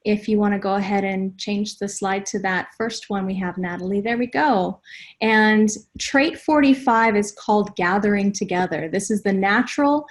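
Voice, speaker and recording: A woman hosting a live online business show, upbeat and quick to laugh. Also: mid-range voice. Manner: upbeat, laughs often, stumbles on names. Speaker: host. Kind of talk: casual live webinar chat.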